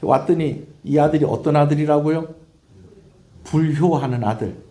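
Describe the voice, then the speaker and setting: A male pastor preaching a sermon in a church sanctuary, telling stories in an animated way. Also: a little high, normal speed. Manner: animated storytelling preacher, acting out scenes. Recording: echoey church hall.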